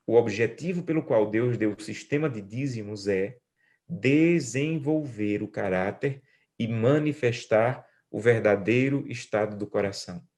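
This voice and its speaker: A middle-aged man with a Brazilian Portuguese accent preaching a sermon, shifting from hushed lines to lively storytelling. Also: fairly low pitch. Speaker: pastor.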